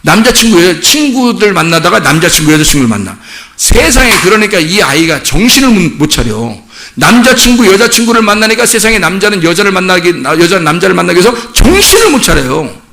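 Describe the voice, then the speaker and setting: Male pastor, middle-aged, lively sermon delivery with a fairly high, bright voice; poses questions to the congregation. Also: quick pace, creaky. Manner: animated storytelling, acts out children's voices in high pitch.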